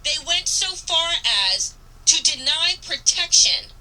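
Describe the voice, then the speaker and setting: Heard from far away on a rough recording, this woman's voice is very high and sharp. As a radio host, she reads out fervent political commentary, stressing important lines through earnest, emphatic repetition in a deliberate, dramatic style.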